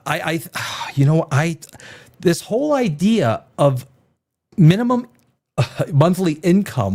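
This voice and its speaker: A man's voice: fairly high pitch, darkish tone. A man in his fifties hosting a live stream, talking in a rambling, opinionated way with many restarts while reading viewer comments. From born in Czechoslovakia, raised elsewhere. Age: 50s. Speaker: live show host reading chat.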